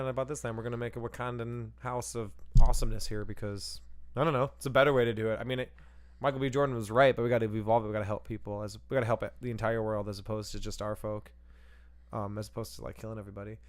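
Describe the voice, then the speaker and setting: Man, podcast co-host, casual chat, rambling, swears, laughs often. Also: medium pitch. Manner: rambling, profane, laughs often, acts out silly voices. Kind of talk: casual movie review chat.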